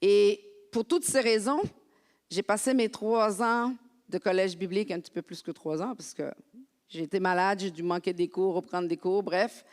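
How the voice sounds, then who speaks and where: A woman from France preaching a lively, conversational sermon as a pastor in a church. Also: medium pitch, normal speed. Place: church sanctuary. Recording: long hall reverb.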